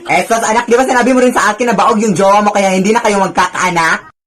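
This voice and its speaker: A woman's voice: medium pitch, fairly even intonation, fast, slight background noise, natural voice. A woman playing a scheming, nagging mother in a comedy skit, scolding and repeating "anak" over and over. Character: nagging, scheming Filipino mother, middle-aged.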